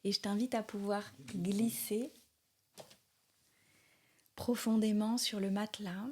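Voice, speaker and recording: A woman guides a yoga nidra meditation, gentle and soothing, speaking in short phrases separated by long pauses. Her voice is husky and medium-pitched, with fairly even intonation.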